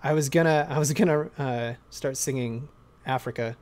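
A man with a hoarse voice chatting casually on a live stream, rambling and reading chat aloud. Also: mid-range voice, moderate pace, darkish tone.

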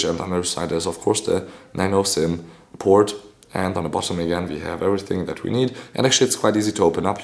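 Hoarse low-voiced man reviewing a phone. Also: a little mellow. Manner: rambling, fillers, non-native phrasing. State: hoarse, clearing throat. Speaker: tech reviewer. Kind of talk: casual product review.

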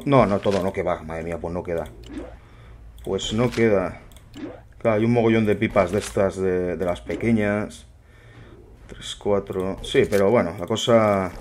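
A young gameplay streamer mutters wry, casual commentary to himself as he plays. His voice is low with a darkish tone, and there's a little hiss or hum.

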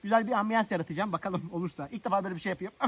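Lighting a fire somewhere rural, a man talks casually to the camera, joking around with viewers. His voice sits high with a breathy edge, and he speaks very fast.

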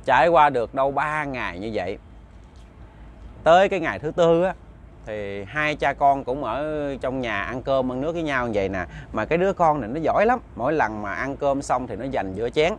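A man's voice: mid-range voice, animated, a little fast, slight background noise. A man with a Southern Vietnamese accent telling a ghost story in a chatty, casual way, speaking directly to his listeners.

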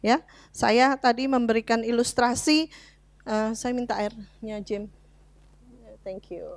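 A woman's voice: on the high side, steady tone, slow pace. A middle-aged woman, preaching a conversational sermon in church and mixing in English phrases. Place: church hall.

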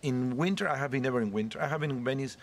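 Interviewed on the street in a leafy courtyard, a cruise ship photographer from Peru in his forties talks very fast in a mid-range voice. He's chatty and rambling, speaking non-native English, and a slight hiss or hum is audible.

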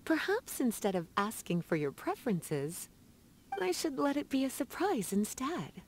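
Lisa, languid flirty sorceress, swooping pitch. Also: female voice, very animated, slight background noise. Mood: playful, teasing. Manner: languid, teasing, breaking into sighs and drawn-out words. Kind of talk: video game character dialogue. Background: background music.

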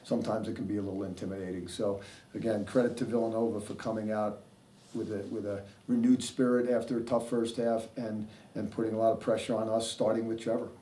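Seated at a table in a press room with a sponsor backdrop, an older head coach gives postgame answers, rambling through fillers and false starts. His voice is low, mellow, fast and fairly flat in pitch. The table mic picks him up from afar, with a little hiss or hum.

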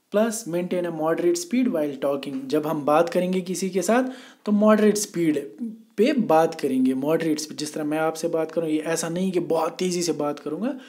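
Man, high and mellow, patient classroom lecturer who keeps checking that students follow. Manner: explains slowly, often asking "theek hai?". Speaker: teacher. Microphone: voice only, no camera.

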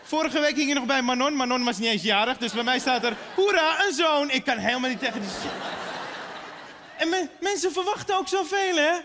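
A man in his thirties doing a stand-up routine on a theater stage into a stage microphone, animated and acting out his relatives. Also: very high-pitched, brisk, noisy background. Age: 30s. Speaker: stand-up comedian. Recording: echoey theater hall.

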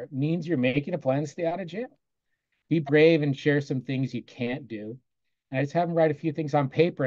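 A man on a video call walks through a lesson he taught, talking casually and quoting what he told his students. His voice is mellow and relaxed at a middling pitch. The sound is dry and slightly muffled. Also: dry recording. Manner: conversational, quotes himself often with "I go", soft asides. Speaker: teacher presenting a lesson.

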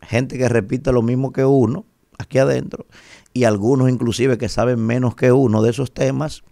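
A man's voice: mid-range voice, steady tone, normal speed, gravelly, mellow, no room sound, studio quality. A man in his forties with a Dominican Spanish accent, giving emphatic, rhetorical opinion commentary on the radio and asking "¿verdad?" again and again. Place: radio studio, indoors. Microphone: studio mic on a boom arm.

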